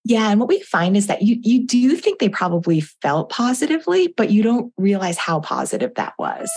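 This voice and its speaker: A woman's voice: mid-range voice, very animated, moderate pace, darkish tone, husky. A woman researcher explaining things conversationally as a guest.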